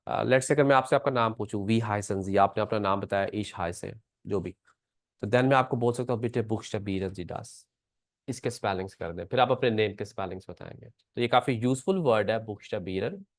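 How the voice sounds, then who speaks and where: A man's voice: lowish voice, no echo. Patient male teacher, dry close sound. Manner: patient, explains slowly and repeats words aloud. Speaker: language teacher. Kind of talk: classroom pronunciation lesson.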